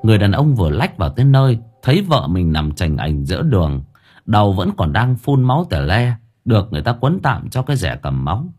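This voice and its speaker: Husky, lively male storyteller. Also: lowish voice, a little fast, faint music behind. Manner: earthy, lively, slangy. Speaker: audiobook narrator. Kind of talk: colloquial storytelling narration.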